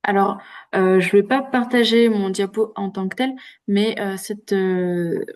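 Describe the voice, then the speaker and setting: A woman's voice: medium pitch, steady tone, measured pace, darkish tone. A woman presenting and moderating an online teacher workshop over a video call, speaking hesitantly with many filler sounds. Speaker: webinar presenter.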